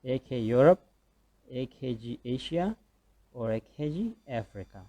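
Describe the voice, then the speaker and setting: Male teacher, Pakistani accent, patient explainer who keeps checking understanding, mellow mid-pitched voice. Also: animated. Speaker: school teacher. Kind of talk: recorded classroom lecture.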